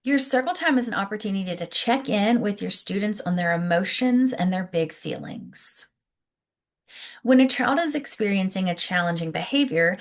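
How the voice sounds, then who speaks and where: A woman presenting scripted teaching tips as an early childhood educator, explaining clearly and encouragingly and speaking directly to the listener. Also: mid-range voice. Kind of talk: instructional presentation, scripted narration to camera.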